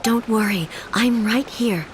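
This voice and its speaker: An actress playing a composed, solemn female shogun in a video game, speaking in a measured, formal, authoritative way. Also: a little high, slight background noise, natural voice. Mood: reassuring. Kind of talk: dramatic video game voice acting.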